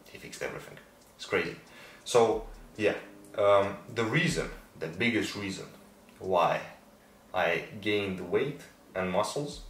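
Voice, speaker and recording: His voice sits on the low side with a fairly bright tone. This man in his twenties, a Moldovan-accented native Romanian and Russian speaker, is a fitness content creator and athlete chatting emphatically to camera and repeating words for emphasis, recorded on a small lapel mic in a Christmas-decorated room with echo, distance and faint noise.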